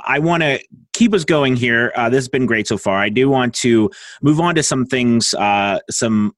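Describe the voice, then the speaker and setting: A man's voice: fairly low pitch, fairly bright tone, no echo. A man hosting a podcast interview, asking long, loosely worded questions. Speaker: podcast host.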